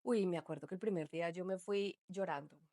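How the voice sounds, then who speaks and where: A woman's voice: lowish voice, fairly quick, warm tone, no echo, studio quality. A woman from Colombia with a Colombian accent, a guest on a podcast, chatting as she tells her story. She pads her talk with lots of fillers. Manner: chatty storytelling, full of fillers like "pues" and "entonces". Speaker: guest, migrant mother. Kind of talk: casual conversational interview.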